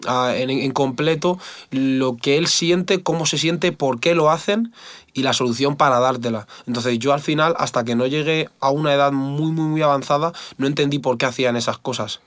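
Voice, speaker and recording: Man, fighter guest, blunt casual talk, dry close sound, middle pitch. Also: moderate pace, a bit bright, no room sound. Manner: candid and blunt, swears often, says "tío" and "¿sabes?" a lot. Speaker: MMA fighter, podcast guest.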